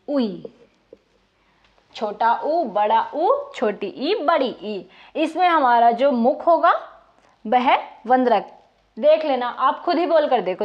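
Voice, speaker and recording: A woman teacher giving a slow, dictation-style lesson, repeating each word for note-taking and asking her pupils questions. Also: sits high. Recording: muffled lo-fi recording.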